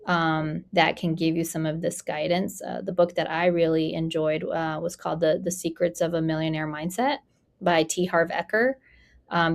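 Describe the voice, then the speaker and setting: A woman's voice: on the low side, a little mellow. A woman in her forties from Colombia, a podcast guest and real estate investor talking through her experience in a casual, reflective interview, with frequent fillers. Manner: conversational, many fillers, reflective.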